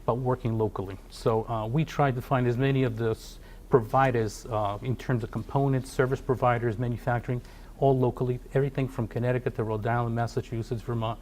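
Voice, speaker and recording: Fast-talking Portuguese-born man, halting. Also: medium pitch, fairly even intonation, darkish tone, a little hiss or hum. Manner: halting, many fillers and restarts. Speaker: company founder and CEO. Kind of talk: TV business interview. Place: TV studio.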